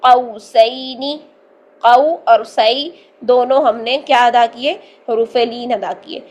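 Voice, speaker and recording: A woman's voice: on the high side, fairly even intonation, a little mellow. A woman teaching Quran reading in a recorded online lesson, with a Pakistani Urdu accent, patiently drilling syllables and checking in with "theek hai" along the way.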